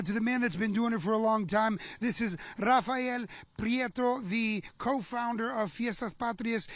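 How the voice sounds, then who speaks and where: A man's voice: extremely high pitch, a bit bright, no room sound. A man in his forties, born in Peru, presenting an on-location news interview in an upbeat, chatty way with fillers. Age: 40s. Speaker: TV news reporter.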